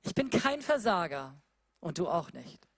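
A preacher giving a sermon, repeating rhetorical questions and moving between loud emphatic lines and quiet low ones. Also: very animated, a little slow.

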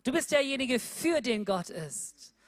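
A preacher giving a sermon, repeating rhetorical questions and moving between loud emphatic lines and quiet low ones. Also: lively intonation, unhurried.

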